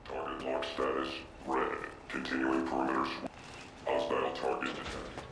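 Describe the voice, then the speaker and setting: A man voicing a stern male security robot that gives flat, clipped announcements through a robotic filter. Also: extremely low pitch, normal speed, very noisy.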